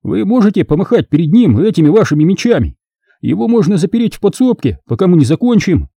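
A man putting on a cocky young thief, raised high. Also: sing-song, fast, vocal fry, mellow, slightly rough, no echo, clean studio sound, full character voice. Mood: cheeky. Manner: cheeky, boastful.

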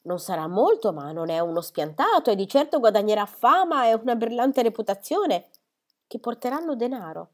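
A woman's voice: a little high, very animated, pitched above the performer's own voice. A woman reading a novel aloud, voicing a proud, defiant young woman who answers her mother back. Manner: defiant, quick to justify herself.

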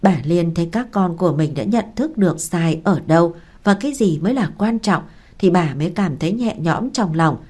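A woman narrating an audiobook in a steady storytelling manner. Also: lowish voice, moderate pace, breathy edge.

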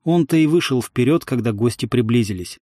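A man reading a fantasy adventure story aloud in an even, measured narrating voice. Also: medium pitch, dry recording, clean studio sound. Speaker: audiobook narrator. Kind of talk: scripted narration.

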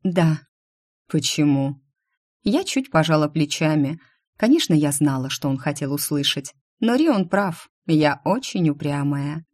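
A woman narrating a first-person audiobook in a soft, intimate, expressive reading voice. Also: deep voice, normal speed.

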